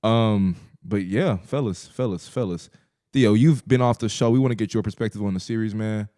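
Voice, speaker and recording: A man's voice: on the low side, normal speed, dark tone. A man co-hosting a podcast, joking and teasing his friends in casual banter. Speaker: podcast co-host.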